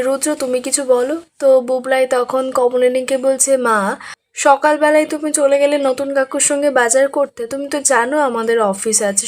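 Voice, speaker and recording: A woman with a slightly high voice recaps a TV serial episode. She narrates the plot and reads each character's dialogue in her own everyday voice.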